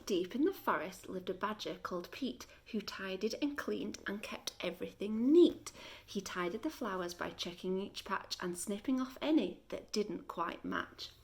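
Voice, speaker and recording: Reading a children's story aloud in a teacher's manner, a woman speaks deliberately and expressively, leaving dramatic pauses. Her voice sits in the mid-range.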